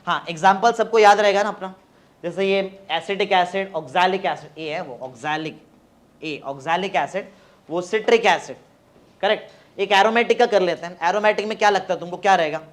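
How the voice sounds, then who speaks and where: A man teaching chemistry in a classroom, dictating notes slowly and spelling words out letter by letter. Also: sits high. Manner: mixes Hindi and English, urging students to hurry.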